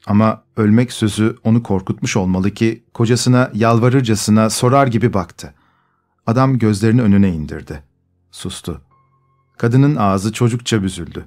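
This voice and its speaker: A man reading a classic short story aloud in measured, scripted narration. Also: lowish voice, a little mellow, soft background music. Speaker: audiobook narrator.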